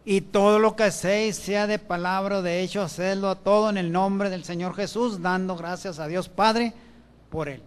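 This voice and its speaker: A man's voice: sits high, fairly even intonation, moderate pace, clean tone. A man preaching a sermon. He reads scripture aloud and keeps asking and answering his own questions. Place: church with benches. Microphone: handheld or stand microphone.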